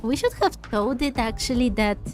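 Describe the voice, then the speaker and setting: A woman's voice: on the high side, very animated, normal speed, faint music behind. A woman gaming host giving casual commentary as she plays through a game.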